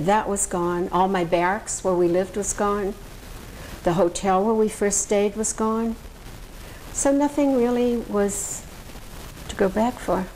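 An elderly woman from Massachusetts recounts her wartime service for an oral history interview. She tells her stories with life, slipping into the voices of the people she quotes. Her voice sits at a middle pitch over a faint hiss. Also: rough recording. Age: older. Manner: lively storyteller, acts out quoted voices. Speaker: veteran interviewee.

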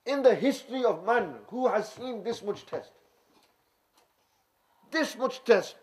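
Impassioned high-voiced male preacher. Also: animated, slow, a little mellow, slightly rough. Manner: impassioned, exclaiming. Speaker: imam, preacher. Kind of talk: sermon storytelling.

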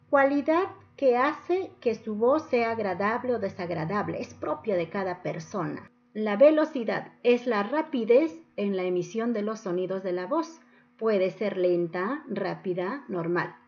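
The recording is a little dull and lo-fi. A woman speaks at a medium pitch, teaching in the style of a narrated lesson. She enunciates in a didactic way and puts emphasis on each item she explains. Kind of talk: instructional lesson narration over slides. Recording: dull lo-fi voice-over.

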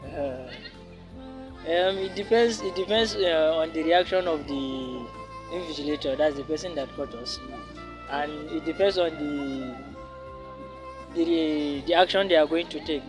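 A man's voice: on the high side, unhurried, music in the background, rough recording. A young man student answering outdoors, hesitant and reasoning aloud with fillers. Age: young adult. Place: outdoors on campus.

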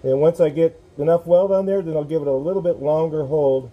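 Working in an outdoor driveway workshop, a middle-aged garage welding instructor gives a casual hands-on lesson, talking plainly and relaxed as he goes. His voice is on the high side and fairly quick, and the first-person footage, recorded on the camera's own mic, sounds narrow and tinny with slight background noise.

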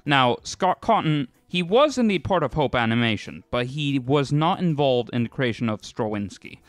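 A man's voice: mid-range voice, moderate pace, no room sound. A young man hosting casual gaming chat, joking around and swearing freely. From Sweden. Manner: animated, joking, profane. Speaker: gaming host.

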